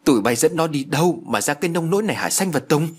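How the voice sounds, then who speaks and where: A man's voice: a little high, expressive, fast talker, husky, pitched above the performer's own voice. A man voicing an anxious superstitious young woman. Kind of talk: audiobook character voice.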